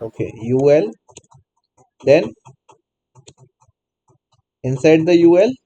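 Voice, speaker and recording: A man's voice: fairly high pitch, big pitch swings, slow pace, dark tone, husky, muffled recording. A man teaching a live online coding class, repeatedly asking students to answer. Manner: prompts students repeatedly, non-native English phrasing. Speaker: programming teacher.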